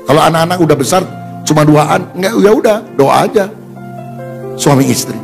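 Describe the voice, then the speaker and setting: A man, a pastor preaching a sermon in a lively way, putting on voices for the people in his stories. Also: a little high, normal speed, vocal fry, music in the background. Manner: animated, acts out quotes in changing tones.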